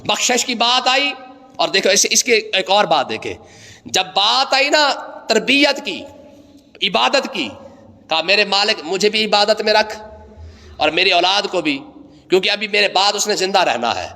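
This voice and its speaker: A man with touches, giving an emphatic Quran commentary lesson. His tone is bright and forceful, and he keeps asking his listeners rhetorical questions. His voice carries a long hall reverb. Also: high voice, very animated. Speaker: Quran teacher, mufti.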